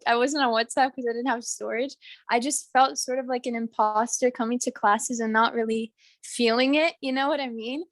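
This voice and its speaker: A young woman student sharing her personal story on a video call, halting, full of fillers, and emotional. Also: on the high side, no room sound. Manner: halting, heavy on fillers, tearful at moments.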